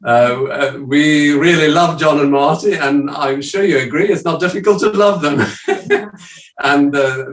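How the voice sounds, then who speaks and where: A South African man, a visiting church leader, presents to a church group over a video call in a casual, hesitant way, using lots of fillers. His voice sits at a medium pitch, and the distant mic picks up an echoey room.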